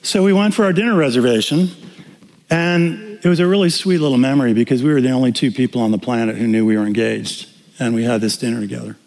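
A man in his sixties, a pastor preaching a sermon and telling personal stories with animated humor. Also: medium pitch, fast talker, gravelly. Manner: animated storytelling, acting out dialogue with humor. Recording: reverberant hall.

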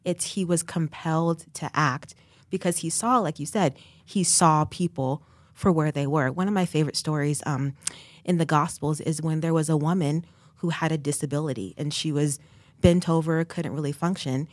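A woman's voice: sits low, normal speed, no room sound. A woman on a faith podcast, explaining her views in an earnest, thoughtful way. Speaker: podcast co-host. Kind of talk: casual faith discussion.

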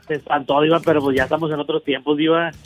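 A man's voice: on the high side, little pitch movement, quick pace, noisy background. A man calling in to a radio show, stammering and giggly. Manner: stammering, giggly, repeats words. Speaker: caller. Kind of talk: phone-in chat.

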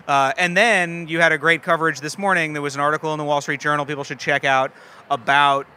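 A man's voice: on the high side, fairly even intonation, fast talker, pushed and bright, clear, resonant tone. A man interviewing a craftsman at a food festival, chatty and curious, asking follow-up questions. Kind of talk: casual interview. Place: busy food festival, indoors.

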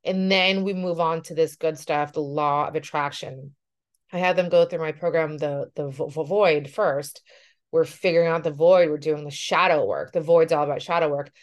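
A woman's voice: low-pitched, fairly even intonation, moderate pace. A woman life coach talking through a casual podcast monologue in an earnest way, often checking in with "right?".

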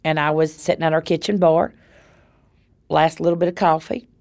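A woman's voice: sits low, level tone, normal speed, darkish tone. A woman with a Southern US accent telling her own story in a plain-spoken, conversational way. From North Carolina. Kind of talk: personal storytelling.

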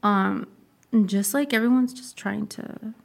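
A woman's voice: mid-range voice, unhurried, vocal fry. A young woman, a social media creator, chatting casually as an interview guest, trailing off with lots of fillers.

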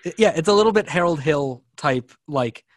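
A man's voice: on the high side, lively intonation, normal speed, no echo, studio quality. A man guesting on a casual film podcast, talking in an easygoing, thoughtful way with small stumbles.

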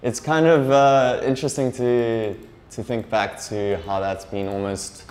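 A young man, hosting a casual podcast interview in a relaxed, hesitant way. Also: medium pitch, measured pace, slight background noise. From South Africa. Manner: relaxed, hesitant, restarts often. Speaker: podcast host.

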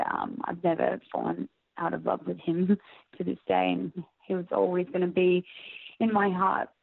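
A young woman, soft and reflective, speaking in a personal interview and laughing often. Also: lowish voice, gravelly, no echo. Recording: tinny phone-like audio, faint music.

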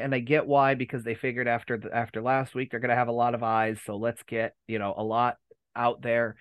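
A man's voice: medium pitch, no room sound, highs cut off. A man talks in a loose, rambling way on a casual podcast, often restarting his sentences and laughing easily. His voice sits in a middle register. The sound is dry and close, with no room around it. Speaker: podcast host.

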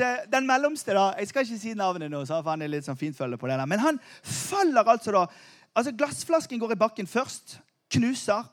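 A middle-aged man preaching a sermon, telling a family story with humor and surging intensity before turning to earnest appeals. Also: high voice. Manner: animated storytelling with humor, voice surging when excited. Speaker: pastor.

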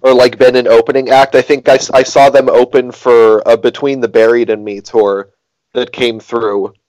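A man's voice: medium pitch, little pitch movement, normal speed, darkish tone, no room sound, rough recording. Joking man co-hosting a podcast. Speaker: podcast co-host. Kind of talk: casual chat on a video call. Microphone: video call.

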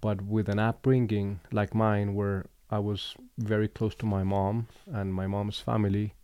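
A man from Colombia hosting a relaxed conversation, speaking reflectively with frequent pauses and restarts. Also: on the low side, clean tone, no echo. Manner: reflective, unhurried, with fillers and restarts. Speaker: podcast host. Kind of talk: casual conversation.

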